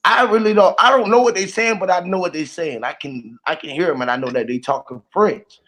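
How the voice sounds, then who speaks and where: A man's voice: high voice, a little fast, fairly bright tone. Laughing, cursing man streaming late at night. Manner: loose, laughing, profane storytelling. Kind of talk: late-night casual chat.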